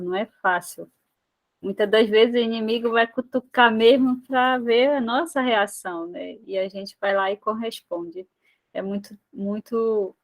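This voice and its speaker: A woman, reflecting on a devotional message in an affirming way and then introducing the pastor. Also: mid-range voice.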